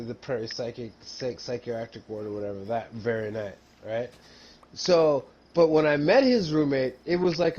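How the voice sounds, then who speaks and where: A man in his fifties with a notably high voice talks in a blunt, profane way, like someone ranting to a friend. He is emphatic and slangy, swearing often. The recording is dull and lo-fi. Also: darkish tone, slight background noise. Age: 50s. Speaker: storyteller. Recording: dull lo-fi sound.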